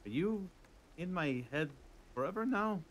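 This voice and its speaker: A man plays a tabletop role-playing game in casual chat. His delivery is wry and a little halting, with a very varied pitch. Faint noise sits behind him. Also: animated, a bit bright. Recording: background noise, room ambience.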